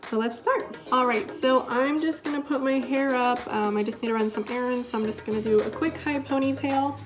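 A young adult woman presents a product in a casual, chatty demonstration from her living room, music playing in the background. Her voice sits high and moves fairly quickly.

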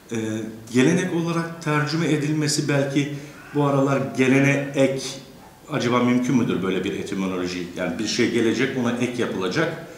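A man giving a courteous academic lecture, pausing often with drawn-out fillers and addressing the teachers in his audience. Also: mid-range voice, slight background noise. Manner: hesitant, many drawn-out fillers. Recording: echoey lecture room.

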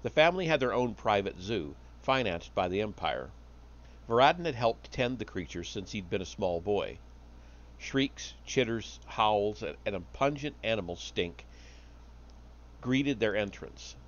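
A man reading a story aloud on a live stream, steady but with small slips and restarts. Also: fairly low pitch, unhurried, lo-fi sound.

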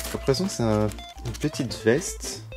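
A man's voice: mid-range voice, animated, moderate pace, darkish tone. A man giving casual unboxing commentary as a toy vlogger, gushing with frequent delighted exclamations. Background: background music.

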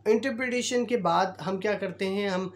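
A man teaching a lesson in a conversational way, pausing on fillers and acting out bits of quoted dialogue. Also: high voice. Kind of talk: explanatory lesson.

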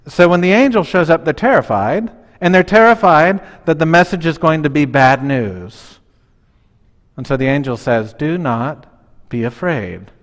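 A man in his forties, a pastor preaching a conversational, humorous sermon at the altar of a church, now and then acting out voices. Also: medium pitch. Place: large church sanctuary, standing at the altar. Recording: long church reverb.

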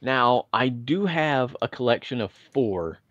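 A man's voice: mid-range voice, expressive, measured pace, fairly bright tone, dry recording, lo-fi sound. A man from Indiana, podcast co-host, telling chatty, winding stories with self-deprecating asides. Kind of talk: casual nostalgic storytelling.

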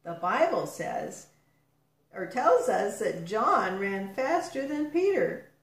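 A woman reading a storybook aloud to children, gentle and expressive, with soft drops in volume. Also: mid-range voice, slow pace, roomy sound, poor audio.

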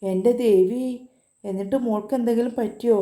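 A worried, caring mother who fusses over her daughter in quick, anxious words, voiced by a woman reading a story aloud. The tone is very dark and mellow, with a roomy echo. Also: medium pitch, fairly even intonation, close to an everyday voice. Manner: fussing, anxious.

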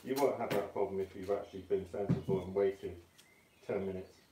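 A man's voice: deep voice, fairly quick. Laid-back man, muffled by a mask. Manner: relaxed, offhand, self-deprecating. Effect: muffled through a respirator mask. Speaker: art teacher. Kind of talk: casual tutorial demonstration. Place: indoor studio room. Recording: roomy, mic at a distance.

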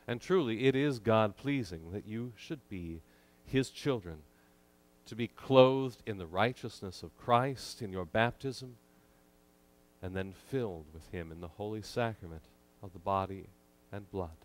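The audio is poor as a thirties-aged pastor delivers a sermon at the pulpit microphone of a church. His voice sits on the low side, and he speaks in a measured, emphatic way, pausing often.

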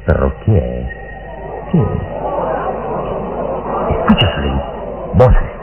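An actor playing a grave, watchful and commanding adventurer hero in an old radio serial. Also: male voice, very deep voice, very animated, takes it slowly, over loud music, full character voice. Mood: grave, alert. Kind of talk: old radio drama acting. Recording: dull old radio recording.

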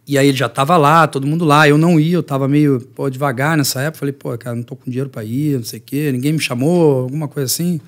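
A man's voice: medium pitch, fast talker, few pauses. A middle-aged man from Rio, a jiu-jitsu teacher telling stories as a podcast guest and acting out other people's lines. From Rio de Janeiro, Brazil. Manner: lively storyteller who acts out the voices of others. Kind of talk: podcast interview storytelling.

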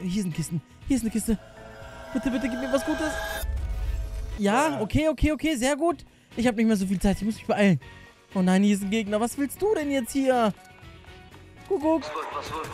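A young man giving hectic, jokey running commentary on his gameplay, often pleading with the game. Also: very high voice. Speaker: gaming YouTuber.

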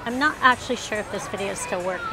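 A woman's voice: mid-range voice, racing, a crowd in the background. A woman giving a casual, rambling live walking tour of a waterfront village at night, filmed on her phone as she walks and often correcting herself. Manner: chatty, rambling, self-correcting. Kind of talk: casual live-stream narration. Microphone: phone held while walking. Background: loud music from bars and live bands.

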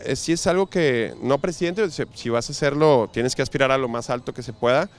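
A man in his thirties with a Mexican accent and a mid-range voice talks fairly quickly as he interviews passersby. It's a casual street interview on a busy seaside pier, done with a handheld mic and plenty of slangy, joking banter.

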